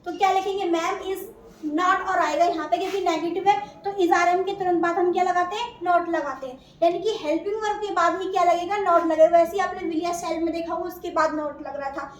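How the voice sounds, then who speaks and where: A woman's voice: very high-pitched, fairly even intonation, fairly quick. Indian woman teaching grammar, asks and answers her own questions, echoey room far from the mic. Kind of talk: classroom grammar lesson. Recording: echoey room, voice from afar, faint noise.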